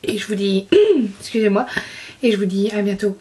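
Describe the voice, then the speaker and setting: A woman's voice: mid-range voice, little pitch movement, normal speed, background noise. A young woman in a casual beauty haul video, talking enthusiastically and often gushing over products. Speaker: beauty vlogger.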